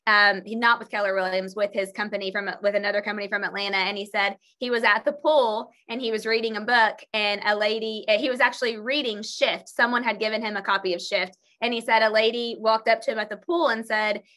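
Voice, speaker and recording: A woman's voice: mid-range voice, fairly even intonation, a little fast, hardly any pauses, pushed and bright. A middle-aged woman, a real estate team leader, sharing earnest stories with colleagues, full of fillers and restarts. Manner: earnest, storytelling with many fillers. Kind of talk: presentation to colleagues.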